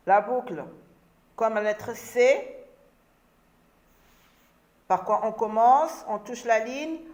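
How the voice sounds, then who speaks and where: A woman teacher speaks slowly and carefully, spelling out letters and syllables for young children with patient instruction. Her voice sits a little high. The recording carries a roomy echo. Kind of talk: reading and phonics lesson for children.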